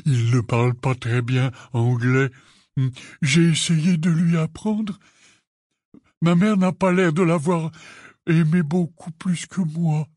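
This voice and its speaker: A man's voice: on the high side, takes it slowly, a little mellow, no room sound, clean studio sound, voice pushed up. A man voicing a huge, anxious, tender-hearted half-giant in an audiobook, stammering and pleading. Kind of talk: audiobook character reading.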